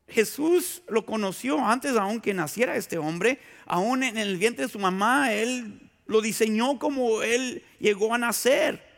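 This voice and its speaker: A pastor preaching a sermon in a conversational, storytelling way, full of rhetorical questions and acted-out anecdotes. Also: male voice, high-pitched, takes it slowly, gravelly, few pauses, a bit bright. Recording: long hall reverb.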